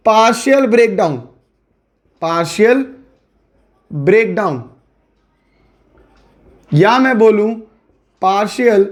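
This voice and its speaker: Young male biology tutor, high pitch, friendly, drills key words with questions. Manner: repeats key terms, asks and answers his own questions; friendly, coaxing. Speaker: biology teacher. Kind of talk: exam-prep lecture.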